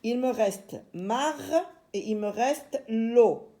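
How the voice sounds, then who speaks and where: Slow and mellow, this woman teacher walks young children through a reading lesson, breaking every word into syllables. Her voice sits a little high, and her manner is patient and reassuring. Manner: slow, clearly segmenting syllables. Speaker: primary school teacher.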